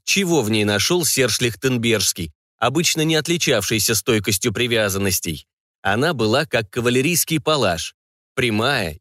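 Expressive male audiobook narrator. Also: mid-range voice, no echo, studio quality. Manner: expressive reading, varied intonation. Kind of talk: scripted narration.

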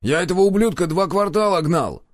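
A man's voice: medium pitch, lively intonation, brisk, a little mellow, no echo, clean studio sound, voice pushed up, close to an everyday voice. A man voicing a surly, foul-mouthed hunter who answers questions with questions. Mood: angry. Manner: gruff, sullen, swearing.

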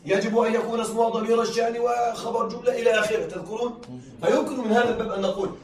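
A man's voice: very high voice, steady tone, very fast, a little mellow. A man teaching a classroom lesson, stretching key words for emphasis and often checking that his students are following. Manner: repetitive, keeps checking that listeners follow. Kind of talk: classroom lecture. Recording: roomy, distant mic, faint noise.

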